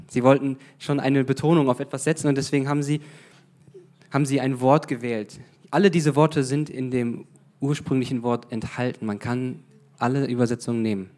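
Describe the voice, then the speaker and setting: A man preaching in a loose, conversational way, often pausing on fillers and restarting his sentences. He asks his listeners questions and slips in the odd English phrase. His pitch sits in an ordinary middle range. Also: darkish tone. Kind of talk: informal sermon.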